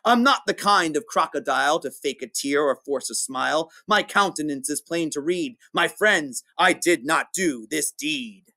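A pompous crocodile judge who babbles on in his own defence, as a man puts him on. His words are slow and deliberate. He belongs to a rhyming picture book. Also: a little high, animated, sharp tone, exaggerated voice. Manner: long-winded, pompous.

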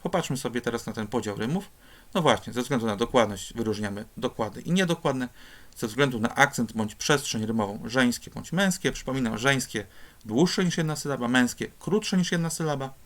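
A man's voice: medium pitch, expressive, fairly quick. A man teaching a lesson on rhymes, explaining step by step in a patient way with occasional hesitations. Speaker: Polish teacher.

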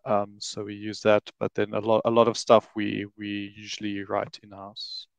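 A senior software developer answering a question on a call in a measured, guarded way. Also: male voice, fairly low pitch, completely flat delivery, creaky, dry recording, poor audio. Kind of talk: casual tech Q&A answer.

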